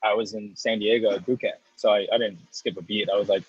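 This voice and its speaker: This guest is a coffee roaster and business owner from the United States, in his thirties, telling his story loosely in a casual interview, restarting often and laughing softly. He talks fast in a husky, lowish voice with a steady tone. The sound quality is lo-fi.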